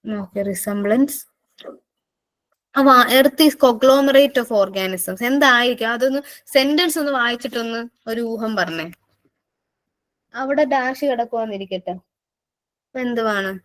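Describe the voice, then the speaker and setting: A woman's voice: fairly high pitch, moderate pace. A woman with a Malayali accent teaching an exam-prep lesson, explaining patiently, repeating words and putting questions to her students. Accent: Malayali English.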